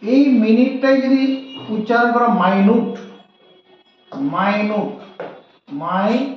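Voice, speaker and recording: A man teaching a lesson, spelling words out letter by letter and repeating them slowly. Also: high-pitched, faint music behind. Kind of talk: slow spoken lesson. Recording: echoey room, distant, dull lo-fi mic.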